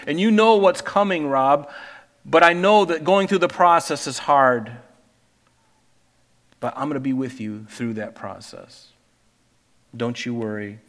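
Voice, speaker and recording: A man voicing a gentle, reassuring divine figure who speaks softly and comfortingly. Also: mid-range voice, pitched below the performer's own voice, natural voice. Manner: soft, consoling, hushed.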